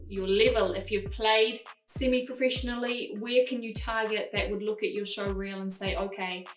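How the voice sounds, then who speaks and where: Hosting a casual advice vlog, a young woman with a New Zealand accent offers direct, practical tips step by step. Her voice sits at medium pitch with a fairly bright tone. The audio is roomy and a bit distant from the mic.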